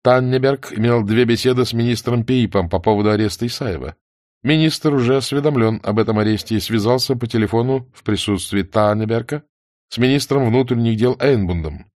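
A man narrating an audiobook in an expressive way. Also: mid-range voice, fairly quick, no echo, clean studio sound.

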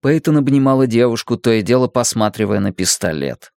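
A man reads a dramatic audiobook in a steady, measured way. His voice sits at a middle pitch. The recording is dry, with no room sound. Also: creaky, dry recording. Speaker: audiobook narrator.

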